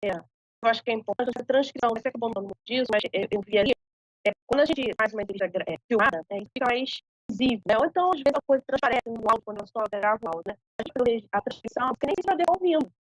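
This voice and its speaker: A woman's voice: a little high, animated, racing, no room sound, poor audio. A woman moderating an online academic seminar, talking hesitantly with many fillers and tag questions.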